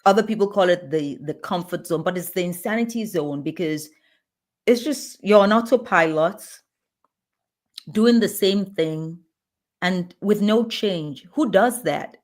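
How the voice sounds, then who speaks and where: Woman, lowish voice, earnest, emphatic, restarts phrases, interview guest. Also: a little slow, a little mellow. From Nigeria. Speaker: guest pediatrician and leadership coach. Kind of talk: conversational interview answers.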